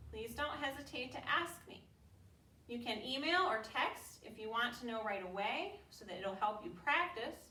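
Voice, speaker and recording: A woman instructor explains technique to her students in measured phrases. Her voice is bright and slightly high. She is recorded in an echoey room. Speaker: martial arts instructor. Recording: echoey room, distant mic, faint noise.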